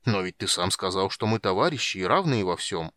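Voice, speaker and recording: A man's voice: deep voice, expressive, fairly quick, fairly bright tone, no echo. A man voicing a sly male dwarf who rambles through sheepish excuses about his gambling.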